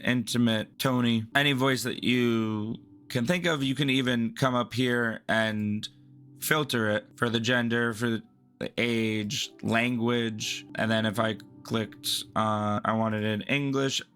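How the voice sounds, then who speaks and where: A man's voice: mid-range voice, fairly even intonation, takes it slowly, a bit bright, clean tone. A man hosting a tech video, talking through a screen-recording tutorial in a casual, rambling, explanatory way.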